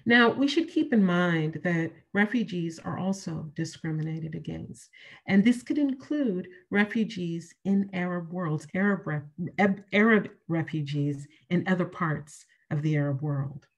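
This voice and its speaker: A middle-aged woman giving a prepared keynote lecture over a video call from a room at home, speaking in a measured way with emphatic, repeated key phrases. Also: fairly low pitch. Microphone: webcam on a video call.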